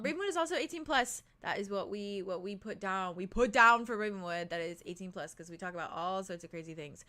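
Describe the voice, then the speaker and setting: A playful, giggly and excitable woman chatting casually as a livestream host and game master, with slangy, sweary speech. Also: mid-range voice.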